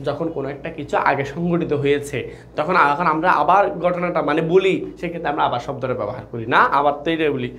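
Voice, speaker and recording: A man's voice: fairly high pitch, fast talker, fairly bright tone. A young man with a Bangladeshi Bengali accent teaching an online class, asking questions and answering them himself.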